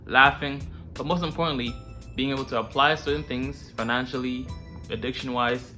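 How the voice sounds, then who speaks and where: Bright-voiced man giving casual, slangy advice. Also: medium pitch, steady tone, moderate pace, faint music behind. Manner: slangy, informal. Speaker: host of a self-improvement video series. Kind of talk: casual direct-to-viewer advice talk.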